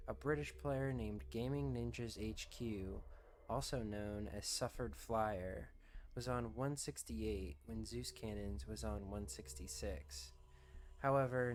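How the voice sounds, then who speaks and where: A man's voice: lowish voice, a little mellow, a little hiss or hum. A man reading scripted documentary-style narration as the narrator of a video.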